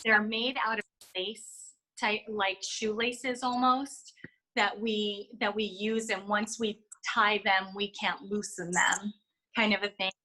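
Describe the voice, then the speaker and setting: A woman's voice: mid-range voice, steady tone, takes it slowly, pushed and bright, low-quality recording. A woman giving interview answers as a flight attendant, explaining things in a chatty way with examples.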